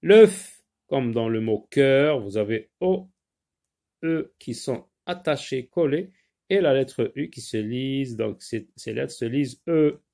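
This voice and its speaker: Slow, deliberate French teacher man. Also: mid-range voice, animated, vocal fry, mellow. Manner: slow, spells out letters one by one, stresses each dictated word; addresses pupils and parents directly. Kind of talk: spelling dictation lesson.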